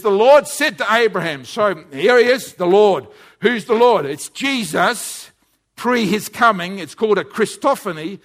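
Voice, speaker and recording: A high-pitched man preaches a sermon, urgently pleading with his congregation as his voice swells into loud appeals and then sinks to hushed warnings.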